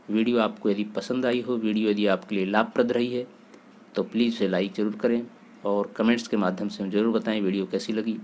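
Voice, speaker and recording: A man's voice: lowish voice, slight background noise. A man teaching a Hindi grammar lesson to students, reciting word pairs methodically and stressing key points. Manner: steady, methodical recitation with emphatic explanations.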